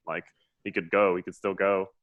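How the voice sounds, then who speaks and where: Agreeable man with a low voice. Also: level tone, moderate pace, fairly bright tone, lo-fi sound. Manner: agreeable, chimes in briefly. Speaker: podcast co-host. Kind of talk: casual chat.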